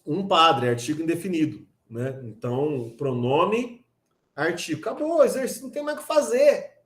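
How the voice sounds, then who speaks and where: A man with a Brazilian Portuguese accent teaching a lively online grammar class, talking straight to his students with teasing asides. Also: a little high, moderate pace, roomy sound.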